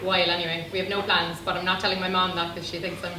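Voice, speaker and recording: A young woman with a Cork Irish accent talks in a rambling, chatty way, with plenty of ums between her thoughts. She is recorded in a busy function room, heard from some distance off the mic. The room is echoey, and a steady noise sits underneath her. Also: lowish voice, very fast. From Ireland (Cork). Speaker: interview guest. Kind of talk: casual chat.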